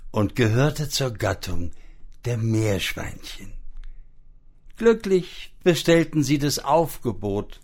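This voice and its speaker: A man reading a silly fairy-tale parody aloud in a playful, theatrical way. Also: mid-range voice. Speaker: storyteller. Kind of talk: comic fairy-tale narration.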